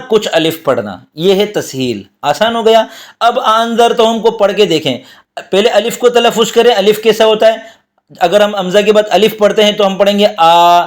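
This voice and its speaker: Man, high-pitched, patient step-by-step lesson, teacher. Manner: patient, repeats and simplifies points step by step. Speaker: teacher of Quranic commentary. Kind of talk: explanatory lesson.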